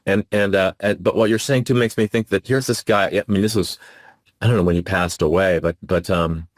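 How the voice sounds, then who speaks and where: A man's voice: low-pitched, fairly even intonation, a little fast, no echo. A man co-hosting a podcast, chatting enthusiastically with many restarts. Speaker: podcast co-host. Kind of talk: casual interview chat.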